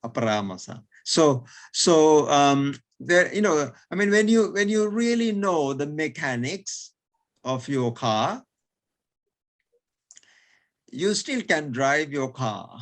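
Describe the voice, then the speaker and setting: Male teacher, fairly high voice, slow and halting, lots of fillers and chuckles. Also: expressive. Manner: hesitant, repeats words, many fillers; chuckles between points. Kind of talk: explaining in an online lesson.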